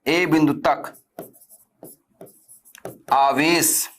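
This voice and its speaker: A man's voice: a little high, steady tone, drawn-out words, a bit bright, slight background noise. A man teaching a physics class online. He keeps asking his students questions, answers them himself and repeats key terms. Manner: stern when telling students to stop chatting.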